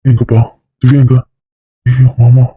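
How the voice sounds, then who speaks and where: A man voicing a worried older relative who has rushed in and keeps asking questions. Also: mid-range voice, completely flat delivery, no echo, narrow, tinny audio, voice pushed down, close to an everyday voice. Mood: anxious. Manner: anxious, questioning. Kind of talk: amateur drama acting.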